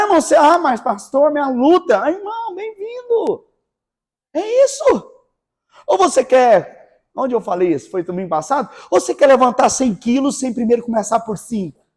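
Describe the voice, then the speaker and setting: A man preaching a lively evangelical sermon, swinging between hushed asides and shouted exclamations. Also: extremely high pitch. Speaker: pastor. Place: church.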